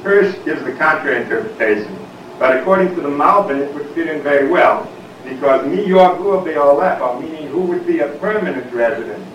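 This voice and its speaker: A man's voice: on the high side, lively intonation, brisk. A man giving a Torah lecture, explaining verses and asking rhetorical questions, often saying "we'll say" and "I mean". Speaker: Torah teacher. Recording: echoey, distant, dull and noisy.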